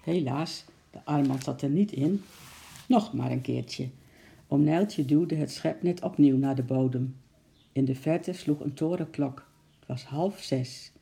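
Gravelly, dark-voiced storybook reader. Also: mid-range voice, unhurried. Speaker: narrator. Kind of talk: reading a children's story aloud.

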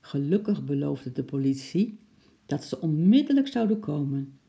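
A man reading a children's story aloud, lively and acting out the noises. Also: a little high, moderate pace, creaky. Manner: lively, acts out sound effects.

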